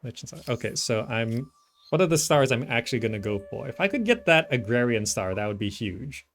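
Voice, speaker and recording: A mid-range, slightly bright voice with a sing-song lilt and fairly quick pace belongs to a man hosting a gaming video. He thinks aloud as he plays, giving casual commentary that often trails off. Game music plays in the background.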